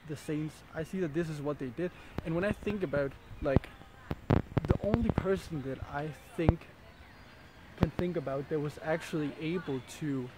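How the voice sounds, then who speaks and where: A vlogger under the weather from an ear infection talks casually to camera while walking in a jungle in light rain. His fairly high voice muses and often pauses to search for words. The recording carries outdoor ambient noise with faint ambience behind it.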